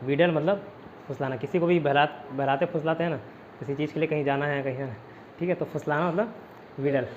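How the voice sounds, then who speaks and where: Male teacher, high-pitched and chatty, recorded on lo-fi audio with faint hiss. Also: fairly even intonation, quick pace. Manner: chatty, keeps checking in with students. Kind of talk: online class lecture. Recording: dull lo-fi audio with faint noise.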